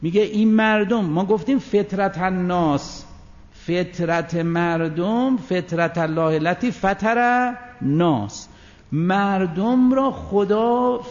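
A man delivers a religious lecture in a fairly high voice, his pitch leaping about as he fires rhetorical questions at his listeners. His delivery swings between loud bursts and soft asides. The sound is dull and lo-fi, with a long reverb trailing off his words. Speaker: preacher. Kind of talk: Quranic exegesis lecture.

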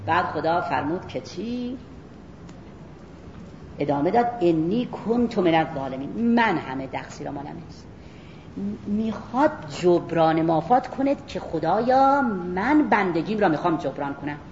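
The speaker is a woman teaching the Quran in an animated lecture on religion. She recites Arabic verses and speaks straight to her listeners, captured in dull lo-fi audio with echo and a faint rumble.

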